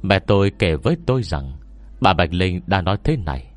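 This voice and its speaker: A man's voice: deep voice, sing-song, brisk, soft background music. A man voicing a reserved scholar who solemnly recounts memories in an audiobook story. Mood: measured. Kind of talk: audiobook character dialogue.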